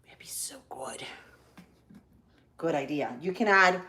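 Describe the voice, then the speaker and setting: A woman's voice: sits low, expressive, slow, sharp tone. A woman with a Spanish accent, from Central Florida, hosting a casual live cooking stream in a home kitchen. She is chatty and upbeat, greets viewers by name and talks through each step. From Central Florida, United States. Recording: echoey room with faint background noise.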